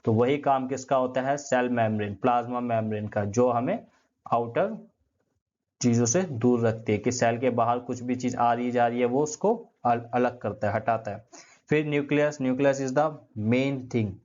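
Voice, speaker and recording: A man's voice: medium pitch, normal speed, darkish tone. A man giving a classroom lecture, asking questions and answering them himself, repeating key terms and using everyday comparisons. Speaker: teacher. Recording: dull lo-fi sound.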